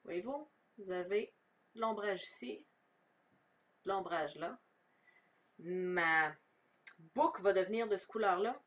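A woman's voice: mid-range voice, slow, pauses often. Woman, Québécois French accent, craft tutorial, chatty, step-by-step, a bit distant from the mic. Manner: chatty, explains step by step, answers viewers. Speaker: crafting demonstrator. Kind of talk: casual live craft tutorial. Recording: voice somewhat far from the mic.

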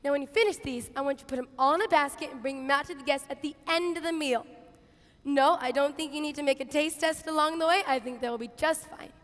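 A woman's voice: sits high, fast. A young woman performing a dramatic stage monologue as a bossy, harried biblical kitchen hostess, with exaggerated theatrical intonation. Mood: busy, instructing. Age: teens to young adult. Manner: exaggerated, theatrical intonation, swinging from hushed asides to shouts. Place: stage in a large auditorium with audience. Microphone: headset. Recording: reverberant large hall, headset mic.

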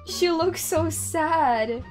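High-voiced young woman reacting excitedly. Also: very slow, soft background music. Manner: excitable, giggly, gasping often. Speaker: YouTube reaction host. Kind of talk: reaction commentary on video clips.

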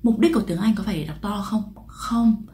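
A woman from Vietnam talks quickly through an English pronunciation lesson. She chats to her viewers, asks them questions and answers them herself, and stretches out the example words. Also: medium pitch, dark tone. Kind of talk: explanatory lesson to camera.

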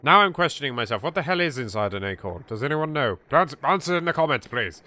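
A let's play host from England gives casual gameplay commentary that is animated, reactive and politely chatty, with game music in the background. He speaks quickly in a medium-pitched voice with an English accent.

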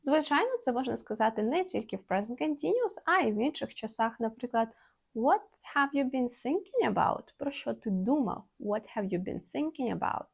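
A woman teaching English in an online video lesson, with a somewhat high, gravelly voice whose pitch leaps up and down with animation. She explains in a playful, affectionate way and slows down to read each example sentence clearly. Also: expressive. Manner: playful, uses fond diminutive words.

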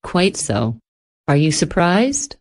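A poised, cultured ancient entity voiced by a woman speaks in a low, soft, even tone. Every word is measured and unhurried, courteous on the surface but menacing beneath. It belongs to a horror storybook reading. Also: exaggerated voice. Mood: menacing, amused. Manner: even, measured, softly spoken.

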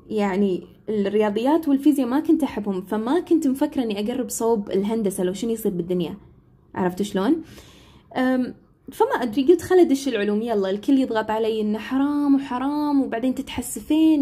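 Fast-talking woman teacher, husky. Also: a little high, mellow. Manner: chatty, asks listeners "right?" often. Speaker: English teacher. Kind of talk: casual live-stream Q&A.

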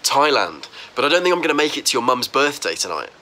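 An actor playing a hapless young man in a sitcom, awkward and stammering, with a slightly husky voice. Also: medium pitch, very animated, quick pace, sharp tone. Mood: sheepish. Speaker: lead character in comedy series. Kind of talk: sitcom acting.

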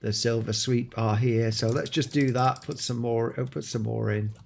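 A man's voice: medium pitch, steady tone, normal speed, gravelly, a little mellow, slight background noise. A man hosting an enthusiastic gameplay showcase, exclaiming often as he shows off new creatures. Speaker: game showcase host. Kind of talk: excited gameplay commentary.

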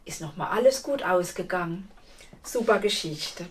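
A woman reading a fairy tale aloud to children in an expressive way, talking to her listeners directly. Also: fairly low pitch, normal speed, far from the mic, a little hiss or hum. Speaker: storyteller.

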